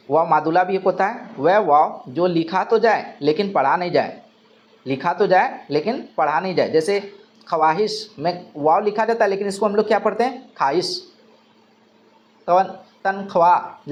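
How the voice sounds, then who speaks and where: A man's voice: sits high, dull audio. A male teacher giving an exam-prep grammar lesson, asking questions and answering them himself, repeating key terms.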